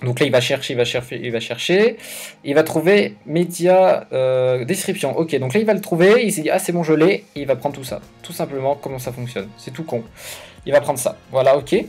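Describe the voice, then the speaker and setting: A man's voice: on the high side, a little fast, darkish tone, soft background music. A man hosting a casual coding tutorial, thinking aloud with hesitations and self-corrections in an informal, slangy way. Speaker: YouTube tutorial host.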